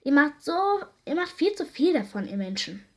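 A woman doing a gruff little garbage fairy. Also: high-pitched, sing-song, moderate pace, a little mellow, pitched above the performer's own voice. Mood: complaining. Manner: gruff, blunt, sad underneath. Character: grumpy little furry female garbage fairy. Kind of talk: storybook reading.

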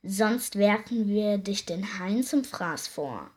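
A pair of gruff, blustering pirates from a children's story, put on by a woman reading aloud. They grumble and protest in growly storybook voices. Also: mid-range voice, animated, a little fast, natural voice. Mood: grumbling.

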